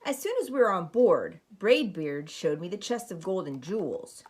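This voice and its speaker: A woman storyteller reading a children's picture book aloud with expressive, emphatic phrasing. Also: lowish voice, moderate pace, breathy edge.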